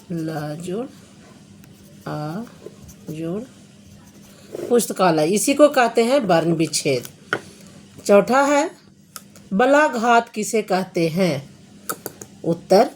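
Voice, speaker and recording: A woman teacher going through Hindi grammar questions for students, reading each question and then patiently explaining the answer. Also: mid-range voice.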